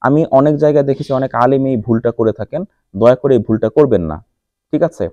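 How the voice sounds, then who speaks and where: Guy teaching quran recitation, repeats letters over and over, dark mellow voice, dry sound. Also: medium pitch, no echo, highs cut off. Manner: slow drawn-out recitation between brisk explanations; corrects pronunciation by repeating letters.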